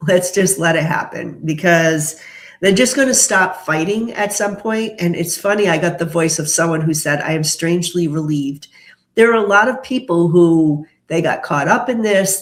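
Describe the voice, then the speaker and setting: A tarot reader who hosts the channel makes predictions in a medium-pitched voice, mixing read-out notes with casual commentary. She delivers short declarative pronouncements, then shifts into conversational explanation. The indoor recording is roomy and echoing.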